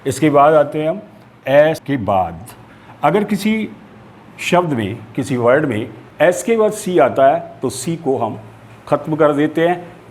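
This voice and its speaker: A man's voice: fairly high pitch, a little mellow. A man teaching a lesson, explaining spellings steadily and spelling words out letter by letter.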